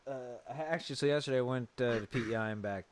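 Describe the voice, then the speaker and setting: A man's voice: mid-range voice, very fast, clean tone. A man in a casual podcast chat with a mid-range voice. He talks in a laid-back way, swears often and laughs easily while he tells his story. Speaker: podcast co-host.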